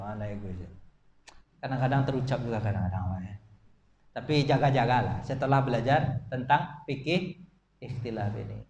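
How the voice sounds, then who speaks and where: A man preaching at a mosque study session, telling stories lively and joking with his listeners. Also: medium pitch, slight background noise. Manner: lively storytelling, jokes with listeners. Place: mosque hall. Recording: echoey mosque room, faint ambience.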